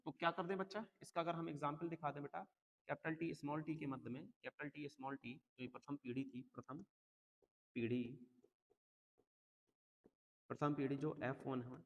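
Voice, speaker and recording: A male teacher on a long revision lecture, his voice sitting a little higher than most men's. He keeps calling the students "beta" and repeats each key term several times. The sound rings out with a long hall reverb. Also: steady tone, quick pace, creaky. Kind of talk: exam-prep lecture.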